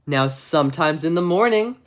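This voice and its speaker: With lively intonation and a normal speed, a man whose voice sits a little high runs a livestream of bedtime stories. Between chatting to viewers, he reads aloud in a tongue-in-cheek, mock-innocent manner.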